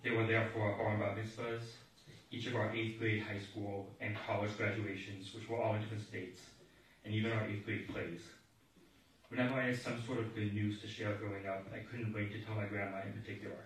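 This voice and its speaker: A grandson reads a eulogy in a steady, reflective manner at a memorial service. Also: male voice, fairly low pitch, a little fast. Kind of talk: read eulogy. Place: large echoey hall at a memorial service. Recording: echoey hall, voice from far off, faint noise.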